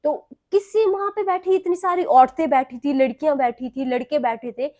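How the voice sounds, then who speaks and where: Young woman, from Himachal Pradesh, interview guest, animated storyteller, slightly high voice. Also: moderate pace. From Himachal Pradesh, India. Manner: animated storytelling, acting out what people said. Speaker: actress, talk show guest. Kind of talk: recounting a personal story in an interview.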